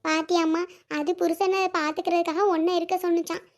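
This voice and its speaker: A woman voicing an older mother in a cartoon who mutters slow, low-voiced asides. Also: little pitch movement. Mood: muttering. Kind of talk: cartoon voice acting.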